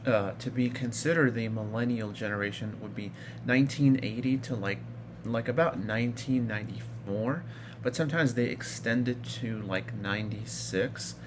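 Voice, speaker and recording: This vlogger, an Iraqi man in his thirties, recounts his own story in a loose, rambling style, often restarting and filling gaps with hesitations. His voice is mid-range at a moderate pace, and there's noise in the background.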